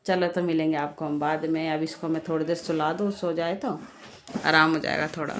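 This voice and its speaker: Soft-spoken woman in a home vlog. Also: deep voice, fairly even intonation, fairly quick, a little hiss or hum. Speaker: mother in family vlog. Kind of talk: casual family vlog talk.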